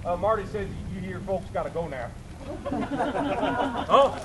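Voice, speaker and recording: Taking on the role of a tree-talking backwoods hermit, a costumed performer rambles and chuckles for visitors in a high, lively voice at a measured pace. It's recorded outside, with traffic noise drifting by.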